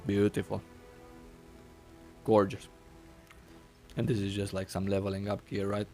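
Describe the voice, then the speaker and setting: A man's voice: fairly low pitch, completely flat delivery, measured pace, darkish tone, faint music behind. A man live-streaming a video game, chatting casually and rambling with many fillers and restarts while he eats. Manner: rambling, full of fillers and restarts, talking with his mouth full. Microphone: desk mic.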